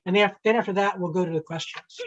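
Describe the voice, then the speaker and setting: Halting woman moderating a video call. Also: on the low side, fairly even intonation, slight background noise. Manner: halting, many fillers and restarts. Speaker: livestream moderator. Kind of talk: casual moderating. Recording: slightly dull lo-fi audio.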